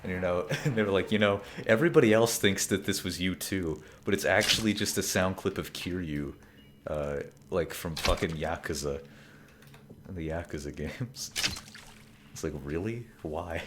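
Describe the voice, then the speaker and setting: A deep-voiced man streams a video game at a moderate pace, chatting in a rambling, jokey way full of trailing fillers. Background noise can be heard.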